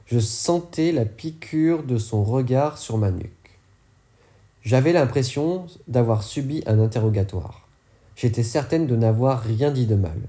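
A man's voice: mid-range voice, warm tone. A man reading an audiobook narration steadily, now and then correcting a slip. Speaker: audiobook reader.

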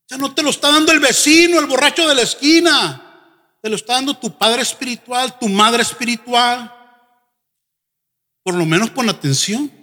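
A high-voiced man preaches a lively sermon, often slipping into quick mimicry of his congregants. His tone is bright and cutting, and the long reverb of a church hall trails each phrase. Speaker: pastor. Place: church sanctuary.

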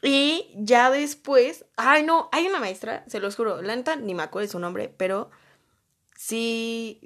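A young woman with a Mexican Spanish accent and a voice on the high side tells a personal story. She's casual and animated, packing in slang and acting out quotes.

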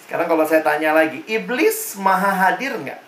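Woman preacher, low-set voice, emphatic sermon delivery, echoing room, mic at a distance. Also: expressive, normal speed, a bit bright. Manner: emphatic, rhetorical questions to congregation. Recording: roomy echo, distant mic.

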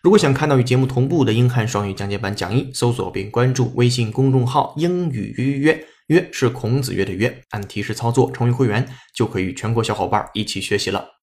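A man's voice: mid-range voice, fast talker, few pauses, darkish tone. A man teaching English on a podcast, explaining sentences patiently with frequent "ah" and "uh" fillers.

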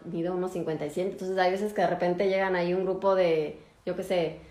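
Her voice runs on the low side and her delivery is brisk, bouncing around an echoey room. This Mexican-accented doctor keeps the livestream chat casual and lively, slipping into her patients' lines as she talks to viewers.

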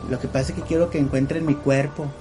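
A man voicing the ghost of a young woman, pleading softly and earnestly in a told story. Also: mid-range voice, steady tone, fast talker, over music, lightly acted.

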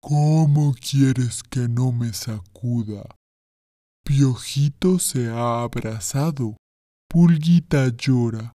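A woman's voice: rumbling low, mellow, dry recording, clean studio sound, pitched below the performer's own voice, heavily acted. A woman voicing a ponderous talking little tree in a storybook tale, dragging every word. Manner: very slow, heavy, dragging.

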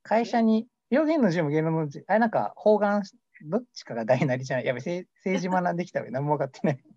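On this casual mock radio show, a young amateur co-host talks fast in a high, warm voice with lively intonation, rambling on and making jokes at his own expense. The recording is dull, dry and lo-fi, with no room sound.

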